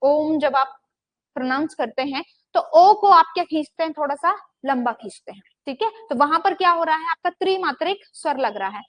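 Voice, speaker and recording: A young woman with a high voice teaches grammar in a steady lecture rhythm. She asks the class a question, pauses, and answers it herself, and she stretches vowels out to demonstrate them. The recording is close and dry, with no room sound. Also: no echo. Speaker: Hindi teacher.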